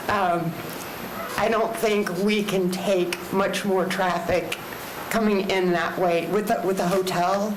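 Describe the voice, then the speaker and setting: Older woman, lowish voice, roomy echo. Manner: plain-spoken, anecdotal, earnest. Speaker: resident giving public comment. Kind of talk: personal public-comment testimony. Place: indoor public meeting chamber. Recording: echoey meeting room with clear background noise.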